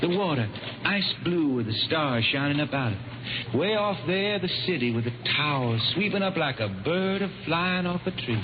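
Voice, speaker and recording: An actor playing a worn-down, blind wandering space singer with a folksy drawl, in 1950s radio drama style, heard through an old AM radio broadcast. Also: male voice, fairly high pitch, animated, normal speed, muffled recording, background noise. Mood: wistful. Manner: folksy drawl, plain country grammar. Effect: old AM radio broadcast sound.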